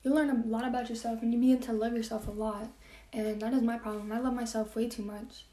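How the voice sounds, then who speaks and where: A teenage woman vlogging in a frank, chatty way. She laughs often and trails off into soft asides. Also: on the high side, level tone, fast talker. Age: teens. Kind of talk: casual vlog monologue. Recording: echoey room.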